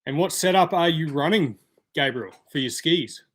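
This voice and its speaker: A man's voice: a little high, lively intonation, normal speed, a bit bright. Chatty man hosting a stream. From Australia. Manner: chatty, answers viewer comments by name. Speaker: live stream host. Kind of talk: casual live stream chat.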